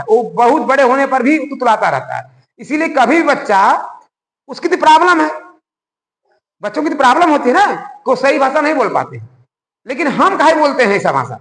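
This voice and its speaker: Male schoolteacher, high and animated delivery, conversational lecture, echoey classroom with long reverb. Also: a little fast. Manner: animated, conversational, asks the class rhetorical questions. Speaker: school science teacher.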